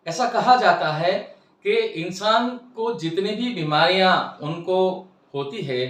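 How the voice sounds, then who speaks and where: A man's voice: on the high side, fairly bright tone, echoey room, far from the mic. A man, a wellness host persuasively and emphatically explaining ideas to his viewers. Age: 60s. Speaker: health and wellness channel host. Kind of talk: explanatory talk to camera.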